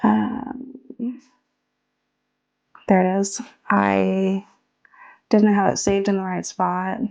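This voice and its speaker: A woman's voice: mid-range voice, monotone, very slow, gravelly, a little mellow, dull audio. A woman who is an artist and small business owner, talking casually through her studio work in a chatty, self-deprecating way with frequent laughs. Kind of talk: casual studio vlog narration. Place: home art studio.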